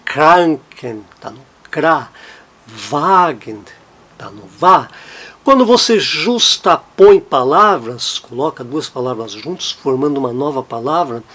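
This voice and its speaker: A man teaching a language lesson, patient and explanatory, slowly repeating each example word. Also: medium pitch, lively intonation, a bit bright. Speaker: German teacher.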